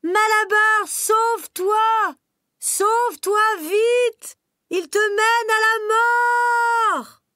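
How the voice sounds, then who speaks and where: A woman voicing a mare in a storybook reading, calling out in high, drawn-out, desperate cries. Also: steady tone, sharp tone, no room sound, clean studio sound, exaggerated voice. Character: desperate mare calling after her friend.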